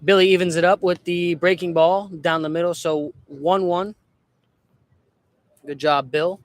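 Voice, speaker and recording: A man's voice: high-pitched, measured pace, dry recording. Chatty man calling amateur baseball. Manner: relaxed, chatty, self-correcting. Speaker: play-by-play announcer.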